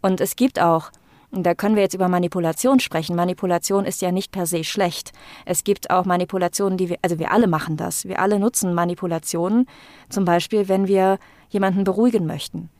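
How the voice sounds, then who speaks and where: A woman's voice: lowish voice, fast, darkish tone, no room sound. A woman voice coach explaining her work in a podcast interview, thoughtful and explanatory, with frequent fillers.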